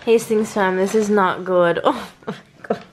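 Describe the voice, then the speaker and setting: A woman's voice: medium pitch, steady tone, unhurried, heavy background noise. A woman hosting a family vlog at home, chatting playfully with her child and often laughing. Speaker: vlog host and mother. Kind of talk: casual family vlog chat. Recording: echoey room with loud music.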